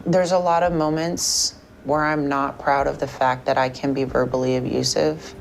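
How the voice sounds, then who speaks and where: This therapy patient, an American woman from Portland, Oregon, talks haltingly about personal things during counseling. She has a very deep voice with a steady tone at normal speed. The recording is low quality, with room noise clearly audible behind her.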